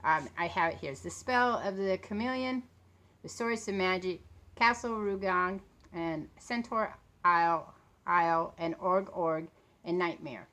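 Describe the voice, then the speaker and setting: A woman in her late fifties with a fairly low voice, chatting in a loose, rambling way. She sounds tired and under the weather with a sore throat, and her words come out a little off because of a swollen lip. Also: unhurried, fairly bright tone. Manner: talking a bit funny from a swollen mouth. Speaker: vlogger talking about books and authors. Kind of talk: casual rambling chat.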